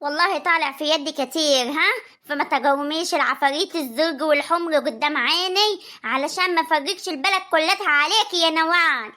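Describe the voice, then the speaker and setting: A woman's voice: high-pitched, a little fast, pushed and bright. A woman with a rural Egyptian accent playing a young wife who threatens her rival. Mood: threatening. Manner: defiant, threatening. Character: young wife feuding with her sister-in-law.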